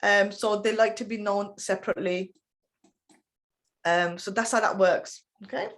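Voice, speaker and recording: A woman's voice: mid-range voice, fairly even intonation, normal speed. A woman leading an online training session, explaining things in a chatty way and checking in with the listeners. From United Kingdom. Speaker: intercultural trainer.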